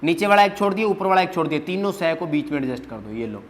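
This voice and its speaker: A man's voice: a little high, sing-song, quick pace, slight background noise. A man teaching a grammar lesson at a board, quizzing his students with questions and answering them himself, drilling letters one by one.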